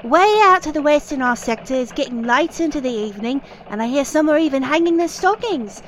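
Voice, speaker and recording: A woman as a high-voiced elf field reporter. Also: lively intonation, brisk, slight background noise. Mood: eager. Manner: eager reporter delivery. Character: female elf field reporter, eager and proud. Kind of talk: scripted radio news parody.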